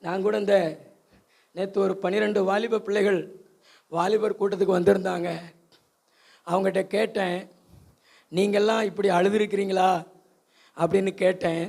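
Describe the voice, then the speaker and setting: Man, pastor, sermon, very high voice, gravelly, questions to the congregation. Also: little pitch movement, moderate pace, long pauses, darkish tone.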